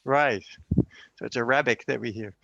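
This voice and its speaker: Committee man on a dull video call line, halting, lots of ums. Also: medium pitch, gravelly, no room sound. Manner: warm praise with frequent ums and restarts. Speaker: committee member. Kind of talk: congratulatory speech on a video call. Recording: muffled video call audio.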